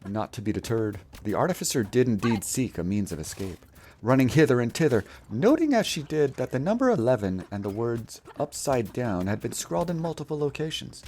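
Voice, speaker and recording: There's a little hiss or hum behind this man's medium-pitched, slightly mellow voice. A video storyteller and gamer, he performs scripted mock-epic narration of a video game with grandiose, theatrical mock solemnity.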